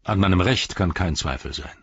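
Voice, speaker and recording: A weary, stern noble male ranger king, read by a man who speaks in a grave, measured way. The voice is deep and husky. It has a dry, dull audiobook sound. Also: a bit bright, dry recording.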